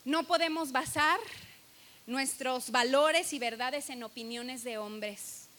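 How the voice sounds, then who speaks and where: A woman's voice: sits high, slow, a bit bright. A woman preaching a sermon to her church, earnest and emphatic, stressing key words and reading scripture aloud.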